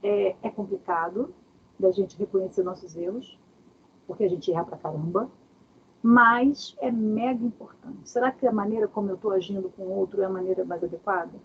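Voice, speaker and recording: Uma mulher dá um workshop online de casa, com jeito animado e muitas perguntas retóricas. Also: female voice, medium pitch, normal speed, a little hiss or hum. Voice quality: very husky. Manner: animated, asks many rhetorical questions. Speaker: workshop speaker. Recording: dull lo-fi video call audio.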